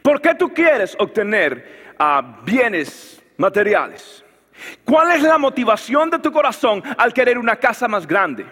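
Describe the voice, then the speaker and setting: A man preaching a sermon as pastor, animated, building to shouts, with frequent restarts. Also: very high-pitched, in a large hall.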